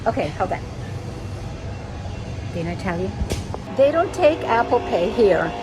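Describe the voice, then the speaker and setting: A woman's voice: medium pitch, very animated, measured pace, music in the background, low-quality recording. An older woman from Cuba, chatting playfully while walking outdoors, slipping in Spanish as she vlogs. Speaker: vlogger. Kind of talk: casual walking vlog chat. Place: outdoors on city streets, walking. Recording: street traffic noise behind.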